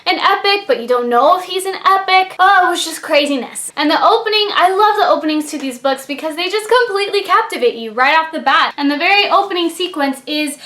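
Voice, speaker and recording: A woman with a high voice reviews a book for her vlog. She talks in an eager, gushing, chatty way, and her tone is bright and forward. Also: animated, fairly quick, hardly any pauses.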